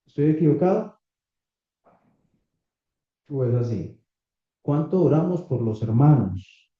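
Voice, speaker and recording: Slow-preaching man in an echoey church. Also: medium pitch, animated. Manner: slow, deliberate preaching with rhetorical questions to the congregation. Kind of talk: sermon. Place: small church meeting room. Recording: echoey, slightly dull church recording.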